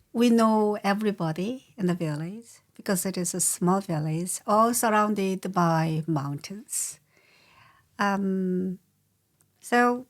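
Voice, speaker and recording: An older woman from South Korea with a Korean accent, answering interview questions slowly, with many pauses and fillers. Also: mid-range voice. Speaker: guest. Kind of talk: casual interview.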